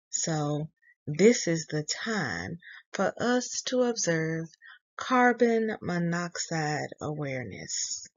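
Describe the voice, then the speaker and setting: A woman reading scripted school morning announcements to pupils as a staff announcer, in deliberate, measured phrases. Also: on the low side, lo-fi sound.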